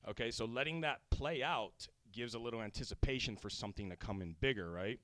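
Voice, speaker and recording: A man's voice: mid-range voice, brisk, music in the background. A man hosting a casual livestream drum lesson, a little out of breath, greeting chat viewers by name as he explains.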